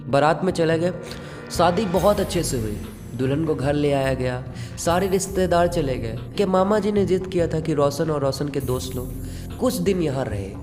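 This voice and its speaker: A man narrating a horror story in a conversational, dramatic way, going hushed at tense moments. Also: on the high side, lively intonation, normal speed. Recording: long reverb with background music.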